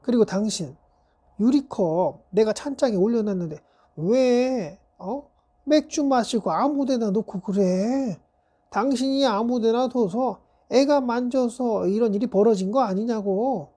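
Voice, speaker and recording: A woman voicing an irritated mother who scolds her husband and child in a sharp, nagging tone. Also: fairly high pitch, a little slow.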